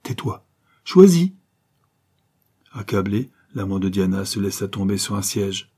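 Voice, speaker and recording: A man reading a classic novel aloud as an audiobook narrator, in a measured, grave storytelling manner. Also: low voice, little pitch movement, a little mellow, slightly rough. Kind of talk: dramatic literary narration.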